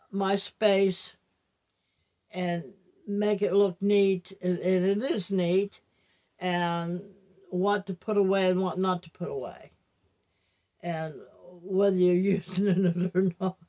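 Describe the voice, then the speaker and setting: An older woman without her teeth in, talking to viewers in a rambling, reflective, halting personal monologue as a vlogger. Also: mid-range voice.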